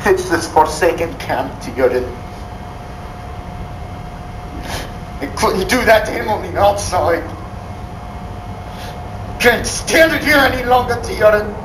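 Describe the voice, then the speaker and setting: A woman's voice: lowish voice, lively intonation, moderate pace, few pauses, lightly acted. A woman acting in a drama as a bitter, despairing male prison-camp inmate, brooding and anguished. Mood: desperate. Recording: noisy, echoing room.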